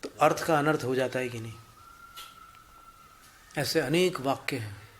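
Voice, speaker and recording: A man giving a Jain religious discourse, teaching in a measured way and explaining points through anecdotes and examples. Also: mid-range voice, a little hiss or hum. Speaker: Jain preacher.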